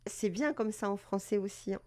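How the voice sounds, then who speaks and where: A woman's voice: mid-range voice, normal speed, darkish tone. A woman hosting a casual live stream, chatty, with many fillers and self-corrections, greeting viewers as she talks. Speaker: live streamer presenting cat breed history.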